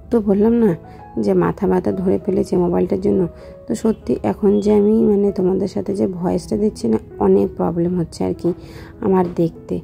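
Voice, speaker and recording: A young woman softly narrating her daily home life as a vlog voice-over, her voice weak from just waking up. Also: mid-range voice, creaky. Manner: speaks softly and slowly, just woken up. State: low on voice after waking. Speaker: vlogger.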